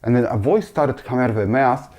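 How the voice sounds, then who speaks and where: A man sharing a personal religious testimony in a halting, earnest way, often repeating himself. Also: mid-range voice, darkish tone.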